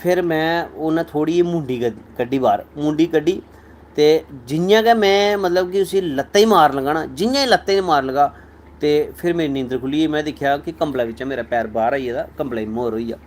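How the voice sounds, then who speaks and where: A man's voice: on the high side, brisk, a little mellow, slight background noise. A man with a Dogri accent, a comedian chatting casually with viewers on a live stream, telling stories in a playful way. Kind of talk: casual live chat answering viewer comments.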